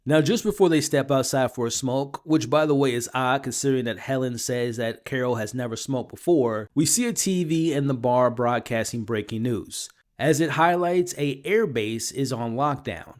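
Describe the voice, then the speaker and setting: A man hosting a video recap, reading scripted narration. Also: medium pitch. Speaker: video host recapping a TV series.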